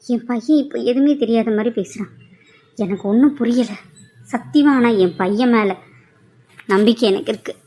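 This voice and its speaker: A middle-aged cartoon aunt, voiced by a woman, slightly high and earnest. She pleads for calm while stubbornly standing by her son, insistent and emotional. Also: moderate pace, pauses often, natural voice. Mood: pleading.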